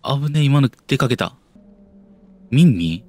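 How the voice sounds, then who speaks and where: A man's voice: medium pitch, expressive, a little slow, mellow, no echo. A young man with a Kansai accent, commenting on a horror game as a streamer, muttering to himself and yelping when startled. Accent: Kansai Japanese. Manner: jumpy, yelps and mutters to himself, talks himself down.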